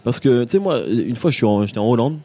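Male music interviewer, fast and mellow, rambling friendly questions. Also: medium pitch, expressive. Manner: long winding questions with fillers. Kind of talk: casual interview chat.

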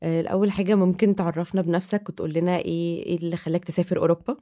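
A woman's voice: on the low side, steady tone, racing, warm tone. A woman with an Egyptian Arabic accent, presenting and interviewing as a podcast host. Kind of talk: scripted podcast introduction and interview.

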